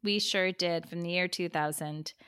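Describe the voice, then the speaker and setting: A woman's voice: on the low side, fairly even intonation, normal speed, bright, forceful tone, smooth, no room sound. Giggly, chatty woman podcast co-host. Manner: chatty, giggly, trails off mid-sentence. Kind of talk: casual chat.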